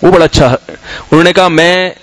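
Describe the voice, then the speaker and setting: Middle-aged male scholar, raised pitch, relaxed storytelling sermon, dry close-miked sound. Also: no echo, rough recording. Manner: conversational, anecdotal, asks the audience questions. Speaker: Islamic scholar. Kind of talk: sermon and Q&A talk.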